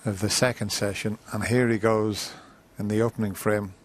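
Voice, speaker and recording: A man giving live snooker commentary in a hushed, measured delivery. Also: on the low side, flat delivery. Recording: crowd ambience and background noise. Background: snooker arena audience ambience.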